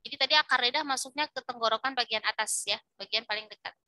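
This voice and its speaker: Woman, middle-aged, recitation teacher, online lesson, patient, repeats syllables, crisp bright voice, dry close sound. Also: on the high side, no echo. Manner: halting, with fillers and self-corrections.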